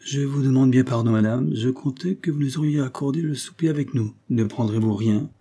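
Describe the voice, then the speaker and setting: A man voicing a big, hearty revolutionary leader in an audiobook, with a booming, overbearing voice. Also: a little fast, mellow, breathy edge. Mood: boisterous. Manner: hearty, overbearing, tipsy bonhomie. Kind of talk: audiobook character voice.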